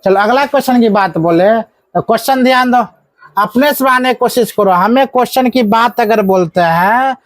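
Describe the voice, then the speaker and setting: Male classroom teacher, high voice, call-and-response drilling with scolding asides. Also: moderate pace, dry recording. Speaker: math teacher. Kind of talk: live classroom lesson.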